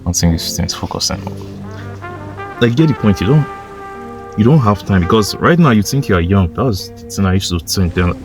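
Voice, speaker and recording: A man's voice: fairly low pitch, animated, moderate pace, long pauses, over music. A man in his twenties giving young viewers a casual, blunt motivational talk, swearing and saying "like" and "bro" a lot and repeating his points to drive them home. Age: 20s. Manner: insistent, repeats points for emphasis. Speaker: motivational YouTuber.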